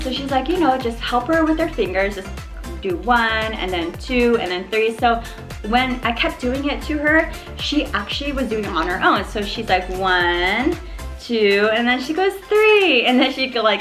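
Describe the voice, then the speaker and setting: A young woman vlogging a cheerful update about her baby at home, chatty and upbeat, sometimes mimicking baby sounds. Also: on the high side. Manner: chatty, upbeat, addresses viewers as you guys. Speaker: mom vlogger. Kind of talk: casual baby update vlog. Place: home living room.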